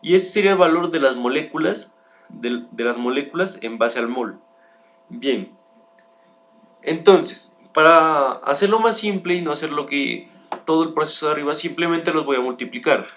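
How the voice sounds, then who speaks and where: A man's voice: fairly high pitch, lively intonation, normal speed, a bit bright, a little hiss or hum. Young man explaining chemistry step by step. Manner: methodical, starts many sentences with "bien", restarts often. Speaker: student presenting homework.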